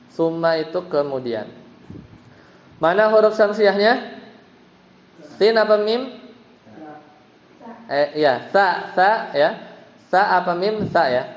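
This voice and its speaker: Slow Indonesian male tajwid teacher. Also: fairly high pitch. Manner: patient, explains each letter and rule step by step, sings verses for the class to repeat. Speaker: Quran recitation teacher. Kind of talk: tajwid lesson with call-and-response chanting. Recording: dull, roomy hall recording.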